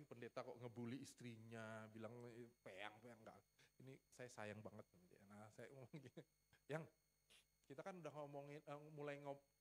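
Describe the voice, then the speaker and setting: A male pastor preaching in a relaxed, playful storytelling manner, joking with the congregation and acting out conversations with his wife. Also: mid-range voice. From Riau, Sumatra, Indonesia. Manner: lively storytelling with playful asides, acts out dialogue. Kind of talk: sermon. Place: church.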